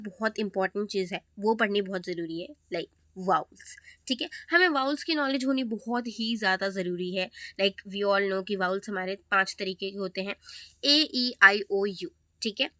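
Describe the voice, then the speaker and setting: A woman with an Indian accent teaching English pronunciation rules. She explains each rule in Hindi, then reads it out slowly in English, and checks in with "okay" again and again. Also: medium pitch, bright, forceful tone, no echo. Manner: slows down to read rules aloud in English, repeats "ठीक है". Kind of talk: classroom explanation.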